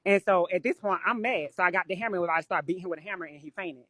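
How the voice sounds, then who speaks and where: A woman's voice: fairly low pitch, racing, fairly bright tone, no room sound. Blunt, profane woman telling stories. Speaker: guest on a live stream. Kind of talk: casual live-stream chat. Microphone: phone or webcam on a live stream.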